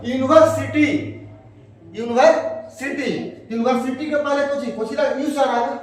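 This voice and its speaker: High-voiced teacher in an echoey classroom. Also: male voice, fairly even intonation, fast, distant mic. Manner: call-and-response questioning of students. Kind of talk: classroom English lesson.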